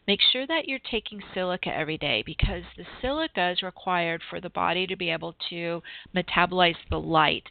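A woman's voice: on the low side, no room sound. A woman hosting a radio show, guiding listeners through an energy healing session in a commanding, repetitive, incantation-like way. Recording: tinny phone-line audio.

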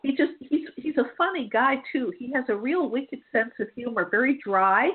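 A woman's voice: high-pitched, moderate pace, husky. A woman hosting a call-in psychic show, chatty and reassuring, laughing easily as she passes on messages. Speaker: psychic medium host. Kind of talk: call-in radio reading. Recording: tinny phone-line sound.

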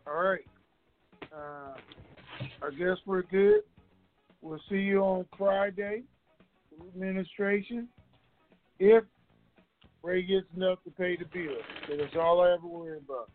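A man's voice: high voice, very animated, measured pace, long pauses, soft background music. A man talking in a rambling, offhand way as a regular guest, heard over a conference phone line. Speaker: regular guest on a call-in show. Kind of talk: casual phone call talk. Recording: tinny dry phone line.

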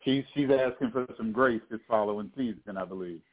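A man's voice: lowish voice, fairly quick, a little hiss or hum. A man chatting casually as a sports radio panelist, folksy and often repeating words. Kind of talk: casual chat. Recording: narrow phone-like sound.

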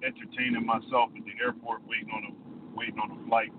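A man's voice: mid-range voice, little pitch movement, fast talker. A man co-hosting a podcast, chatting about sports in a laid-back, drawling way. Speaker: podcast co-host. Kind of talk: casual sports debate. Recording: phone-like line with faint noise.

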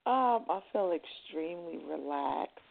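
Gravelly caller on a phone line. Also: mid-range voice, animated, measured pace, dry recording. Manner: quiet, tentative replies. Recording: phone line, distant from the mic.

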